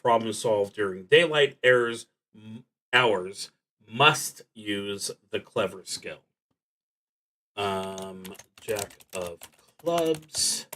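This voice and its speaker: With a medium-pitched, slightly bright voice, a streamer works through a solo roleplaying game, pausing and deliberating as he reads prompts and reasons out loud. Sometimes he mutters to himself, and the recording is rough.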